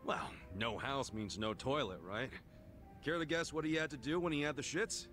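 A man's voice: medium pitch, moderate pace, a bit bright, soft background music, close to an everyday voice. An actor playing a blunt, loyal and friendly street guy in a video game drama. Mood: joking.

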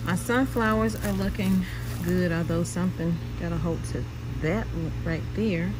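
A woman's voice: on the low side, normal speed, background noise. A woman casually walking viewers through her backyard garden, chatty and exclamatory, calling them y'all. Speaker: home gardener vlogger.

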